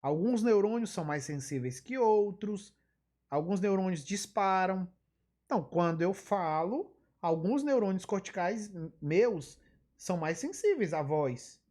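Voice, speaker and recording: A woman's voice: mid-range voice, animated, a little slow, mellow. A woman giving a live online physiology lecture. She explains by repeating key terms, wanders into asides, and throws in emphatic rhetorical questions.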